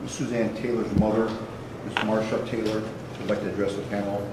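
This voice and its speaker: A man acting as prosecutor, addressing the court in a halting way with many fillers, captured in a courtroom recording. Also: lowish voice, flat delivery. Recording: echoey courtroom, distant mic, noise.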